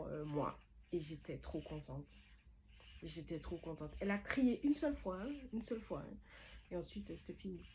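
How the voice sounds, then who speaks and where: A woman's voice: fairly low pitch, a little hiss or hum. A young woman casually retelling a personal story for a vlog, chatty and slangy, acting out what others said. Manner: chatty, lively, slangy retelling with quoted dialogue. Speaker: vlogger.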